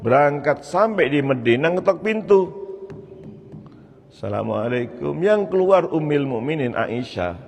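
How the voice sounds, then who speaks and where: Male preacher, somewhat high voice, lively storyteller, long reverb of a large mosque. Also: moderate pace, few pauses. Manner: vivid, acts out the voices in his stories. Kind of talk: dawn mosque sermon with storytelling.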